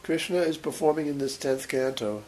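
A man giving a scripture lecture as a religious teacher, short of breath, halting and pausing mid-sentence. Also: mid-range voice, darkish tone, low-quality recording. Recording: faint background hiss.

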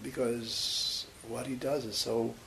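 A man giving a scripture lecture as a religious teacher, short of breath, halting and pausing mid-sentence. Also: mid-range voice, flat delivery, creaky, fairly bright tone. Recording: faint background hiss.

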